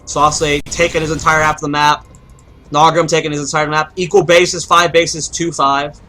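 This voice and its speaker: A young man calls a video game match alone, his voice pitched high and bright. He rambles, thinks aloud and restarts his sentences, with a faint hiss underneath. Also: level tone, normal speed, low-quality recording. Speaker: game caster. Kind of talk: esports play-by-play commentary.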